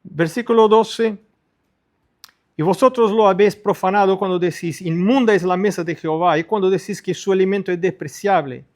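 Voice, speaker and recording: A middle-aged pastor preaching a sermon to other pastors, earnest and repetitive, stressing short phrases. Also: male voice, high voice, moderate pace.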